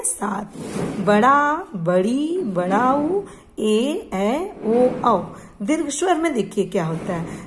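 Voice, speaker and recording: A woman's voice: a little high, a little mellow. A woman teaching a grammar lesson to schoolchildren, repeating points and asking questions that she then answers herself. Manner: slow, repetitive, asks questions and answers them herself.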